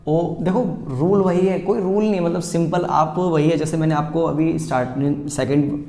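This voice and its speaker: A man gives a patient spoken lesson, sounding each word out slowly and repeating it, with a mellow, darker tone. His voice rings in an echoey room. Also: fairly high pitch, steady tone, vocal fry. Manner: patient, repeats words slowly and asks the viewer questions. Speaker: English teacher.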